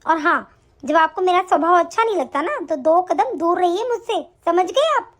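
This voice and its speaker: A voice actress plays a young daughter-in-law in an animated story, sounding fed up and defiant with a sharp, scolding delivery. Her voice is very high-pitched at a normal speed.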